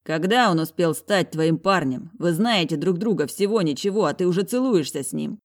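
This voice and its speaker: A woman voicing an angry, possessive young man who speaks slowly through gritted teeth. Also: lowish voice, lively intonation. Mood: stern. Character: stern possessive young man, barely holding anger.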